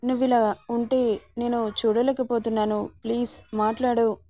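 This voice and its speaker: Woman doing a soft pleading young wife, higher voice, mellow tone. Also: flat delivery, moderate pace, lightly acted.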